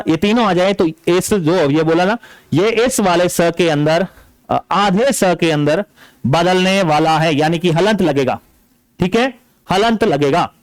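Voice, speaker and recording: A man's voice: sits high, no echo. A man teaching an exam-prep grammar lesson, stating a rule and then going back over it again and again, with frequent checks like "okay?". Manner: explains a rule, then repeats it with checks like "ठीक है ना".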